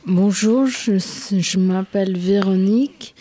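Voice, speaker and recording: A woman in her thirties with a western French accent, answering questions in a radio studio with halting speech and many pauses. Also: mid-range voice, mellow, slight background noise. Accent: French, from western France. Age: 30s. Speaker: interviewee. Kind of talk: radio interview.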